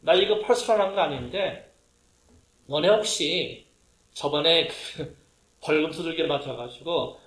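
A man preaching as pastor, telling a story with lively acted-out quotes and English phrases. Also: on the high side, a little slow. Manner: animated, acts out quotes, mixes in English phrases. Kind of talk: storytelling sermon. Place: church sanctuary. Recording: roomy echo of a hall.

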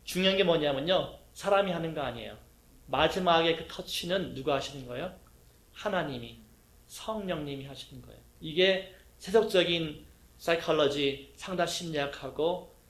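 A middle-aged male pastor preaches a sermon. His voice sits a little high for a man, and he keeps throwing questions to the congregation and acting out little quotes. The room around him rings with echo. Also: fairly bright tone. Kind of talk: sermon teaching.

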